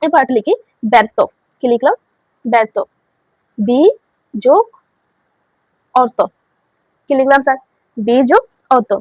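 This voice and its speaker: Brief: female teacher, high voice, dry close sound, quizzes the class and answers herself. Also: expressive, fast, pauses often, no echo, low-quality recording. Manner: asks students questions then answers them herself; repeats key words for emphasis. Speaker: grammar teacher. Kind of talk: online classroom lesson.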